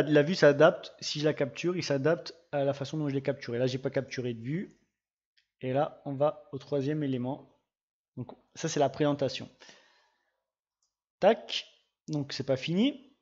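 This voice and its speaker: A man giving a casual screen-recorded software tutorial, chatting through each click with little sound words. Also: a little high, muffled recording. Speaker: GIS tutorial presenter.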